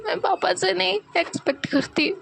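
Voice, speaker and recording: A woman voicing a gentle young daughter who pleads through tears, her voice choked and pleading. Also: extremely high pitch, normal speed, creaky, a little hiss or hum, voice pushed up, exaggerated voice. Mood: tearful pleading.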